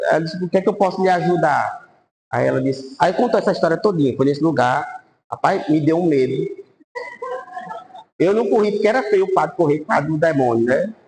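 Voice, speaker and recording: Man, priest, lively storytelling, highish voice. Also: low-quality recording. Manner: animated anecdotes, voice rising and falling. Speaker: priest teaching a Bible course.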